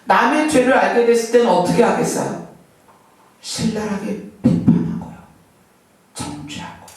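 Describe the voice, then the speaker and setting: A woman's voice: mid-range voice, normal speed, soft background music. Woman preaching in an echoey hall. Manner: animated preaching with rhetorical questions. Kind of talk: sermon. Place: church sanctuary. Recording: echoey hall, mic from far off.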